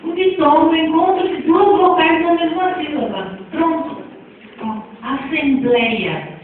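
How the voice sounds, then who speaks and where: A woman's voice: high-pitched, takes it slowly, slight background noise. A woman with a Brazilian accent teaching a spelling lesson to a class, chatty and often asking the audience questions. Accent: Brazilian Portuguese. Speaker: teacher giving a talk on spelling reform. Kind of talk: classroom lecture. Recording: echoey, far from mic, phone-like sound.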